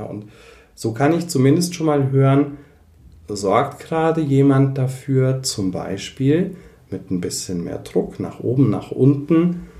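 Male voice coach, low and warm, explains and demos voice tricks, echoey room. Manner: demonstrates voice techniques while explaining. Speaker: voice coach and speech therapist. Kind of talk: explanatory interview talk.

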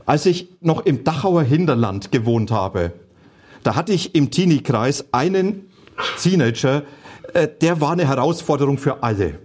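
Pastor guy preaching, a bit husky, tells stories and acts out the quotes. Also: mid-range voice, expressive, normal speed, darkish tone. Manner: earnest storytelling, quotes people in changed voices. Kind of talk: sermon.

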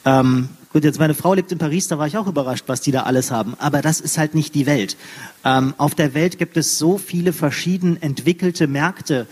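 A male panelist from Berlin argues his point emphatically, speeding up and slowing down. His voice is husky and fairly high, with long reverb from a large hall. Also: darkish tone. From Berlin, Germany. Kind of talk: panel discussion.

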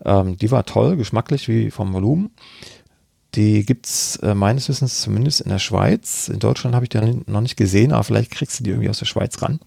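Gravelly low-voiced man explaining baking. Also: a little fast, dark tone, no echo, studio quality. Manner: explanatory, thinks aloud with many fillers. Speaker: bread baking expert. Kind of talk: podcast interview answering questions.

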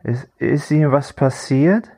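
A man's voice: a little high, unhurried, mellow, breathy edge, voice pushed up. A man voicing a drunk young man on crutches who pleads and stammers, in a thriller audiobook. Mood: flustered.

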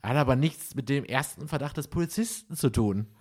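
In casual podcast talk, a man with a medium-pitched voice speaks a little fast. He narrates stories with animation, dramatizing what others said.

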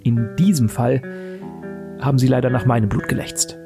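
In a scripted audio drama, a man voices a bleak, worn-out mercenary survivor, narrating in the first person with a grim, literary, brooding feel. His delivery is natural and creaky, medium in pitch at a normal speed, set over game music with guitar and sound effects.

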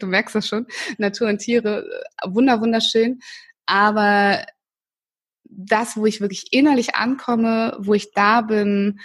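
This husky, mid-range voice belongs to a woman from northern Germany, a career coach appearing as a podcast guest. She chats warmly and enthusiastically in a casual interview, full of fillers and restarts.

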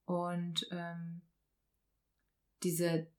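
A woman as an interview guest, telling a personal story in conversation with lively acted-out dialogue. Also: fairly low pitch, drawn-out words. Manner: animated, acts out quoted dialogue.

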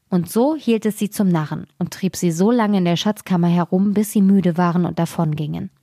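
A woman reading a fairy tale aloud in a calm, measured way as storyteller. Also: on the low side, no room sound, clean studio sound.

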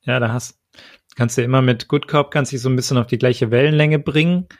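A man's voice: mid-range voice, fairly even intonation, a little fast, dry recording, clean studio sound. A man in casual conversation who listens and jokes and teases. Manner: teasing, joking listener.

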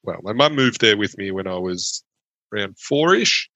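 A man's voice: fairly low pitch, expressive, moderate pace, sharp tone, dry recording. A young man co-hosting a casual travel podcast, talking hesitantly with many ums and restarts. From Australia. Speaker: podcast co-host. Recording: dull lo-fi sound.

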